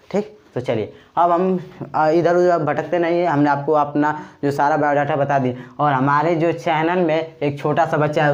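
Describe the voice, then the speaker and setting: A man teaching a casual grammar lesson in a chatty, joking way, with a Bhojpuri-tinged Hindi accent. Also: on the high side. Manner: chatty, joking, addresses viewers as brothers. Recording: slightly dull lo-fi recording.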